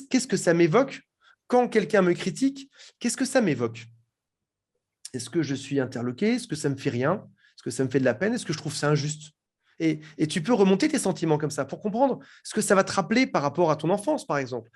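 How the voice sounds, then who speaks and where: A man speaking as an interview guest, explaining in a lively way and often repeating words as he thinks. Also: fairly high pitch.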